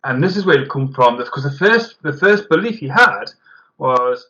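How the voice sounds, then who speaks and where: Bright-voiced man, muffled recording. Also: mid-range voice, lively intonation, normal speed. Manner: explains ideas at length with many ums and hedges. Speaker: social worker podcast co-host. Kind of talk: casual chat over beers.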